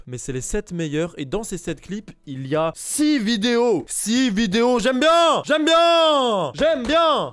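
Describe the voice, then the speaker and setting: A man, commenting casually on game clips, trailing into quiet asides and bursting into loud shouts. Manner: chatty, mumbles low asides, bursts into shouts. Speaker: gaming streamer reacting to clips.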